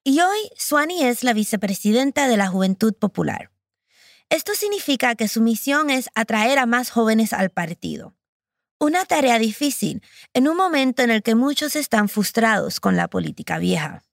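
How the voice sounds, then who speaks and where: A woman's voice: fairly high pitch, very animated, normal speed, creaky, no room sound, studio quality. A woman hosting and narrating a documentary podcast in a personal, reflective storytelling manner. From Puerto Rico.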